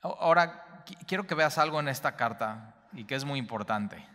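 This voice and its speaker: Man, pastor, Bible teaching, bright forceful tone, long hall reverb. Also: mid-range voice, animated, normal speed. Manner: repetitive, emphatic, slight stumbles.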